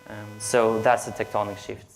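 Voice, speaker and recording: Hesitant young Norwegian man, gravelly voice. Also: on the low side, level tone, moderate pace, soft background music. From Norway. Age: late teens. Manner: hesitant, with frequent "uh" and "um" fillers. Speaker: conference speaker. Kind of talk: tech meetup presentation. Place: meetup event room. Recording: roomy echo of a meeting room.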